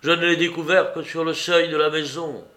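A man's voice: fairly high pitch, fairly even intonation, normal speed, voice pushed up. A man doing a desperate cornered colonel. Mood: urgent. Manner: pleading, breaking, loud protests. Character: desperate male army colonel, cornered traitor.

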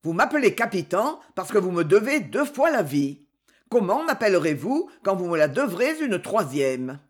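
Fiery young adventurer, impassioned and defiant, husky, played by the narrator in an audiobook. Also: mid-range voice, big pitch swings, normal speed. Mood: insolent. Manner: impassioned, loud, defiant outbursts. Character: proud fiery adventurer, young male swordsman. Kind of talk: audiobook character reading.

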